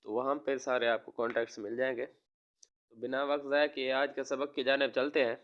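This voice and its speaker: A man from Pakistan, a teacher giving a recorded lesson to young children, slowly spelling out words and repeating them. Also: medium pitch, little pitch movement, dull audio. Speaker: online school teacher.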